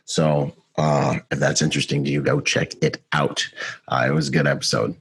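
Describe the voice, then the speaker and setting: A man's voice: a bass voice, little pitch movement, moderate pace, husky. A man hosting a podcast interview, casual and laid-back, often tossing in "man". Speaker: podcast host.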